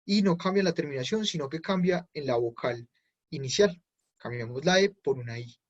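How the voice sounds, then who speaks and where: A husky, fairly high-voiced man, teaching German grammar step by step to a class. The sound is dull and muffled. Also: lively intonation, normal speed. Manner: explains step by step, switching between Spanish and German drills. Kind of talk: online class explanation.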